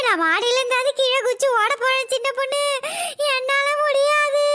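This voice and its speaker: A woman's voice: very high voice, very noisy. A woman playing a greedy, panicky, scatterbrained village woman in a comic skit, pleading and whining dramatically.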